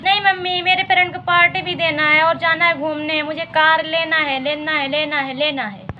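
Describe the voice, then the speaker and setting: A woman's voice: high voice, fairly even intonation, moderate pace, dull audio, a little hiss or hum, close to an everyday voice. A woman doing a whiny, stubborn little girl. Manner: whiny, insistent.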